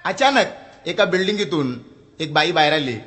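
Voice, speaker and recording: A male comedian narrating his jokes briskly in a high, bright, forward voice. The sound rings with a hall reverb. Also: expressive, soft background music. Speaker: stand-up comedian and mimic. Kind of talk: stand-up comedy storytelling.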